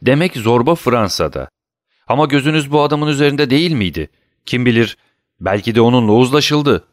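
Man doing a stern old king of France, commanding, raised and sharp, dry close sound. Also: lowish voice, animated, fairly quick, no room sound, close to an everyday voice. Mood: imperious, alarmed. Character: aging French king, imperious and alarmed.

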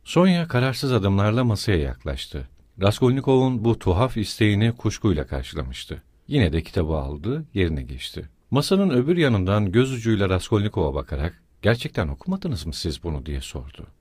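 A man narrating a literary audiobook, with measured delivery and quieter, lower dialogue lines. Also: sing-song, husky, no echo, clean studio sound.

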